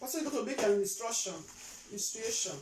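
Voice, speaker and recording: A woman's voice: on the high side, fast, darkish tone, recorded from a distance, slight background noise. A woman interpreting a sermon, fervently echoing each line of the preacher's prayers.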